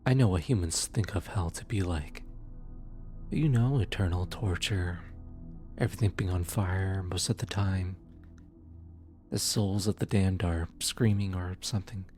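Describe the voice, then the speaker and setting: With a deep voice, a man plays a gentle, somewhat awkward demon who collects souls in an ASMR audio roleplay. He speaks softly and tenderly, a bit hesitant and halting, in a casual way meant to calm and reassure the listener.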